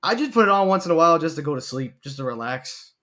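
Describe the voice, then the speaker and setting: A man's voice: on the high side, animated, quick pace, pushed and bright. A young man guesting on a casual tech livestream, talking in a playful, teasing way. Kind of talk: casual chat.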